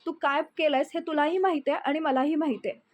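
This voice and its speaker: Protective, indignant young wife standing up for an old man, read by a high-voiced woman. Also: fairly even intonation, fast talker, close to an everyday voice.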